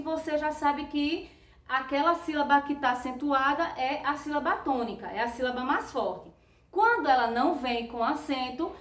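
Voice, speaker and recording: A woman's voice: high-pitched, a bit bright, recorded from a distance. A Brazilian woman teacher giving a patient grammar lesson to children, checking in with a tag question after each phrase. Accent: Brazilian Portuguese. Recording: roomy echo, voice a bit off-mic.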